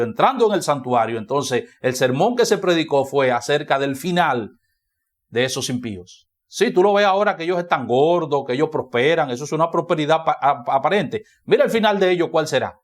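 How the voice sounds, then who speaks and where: A pastor with a Dominican Spanish accent preaches a sermon in church, repeating key phrases to emphasize them. His voice is of medium pitch.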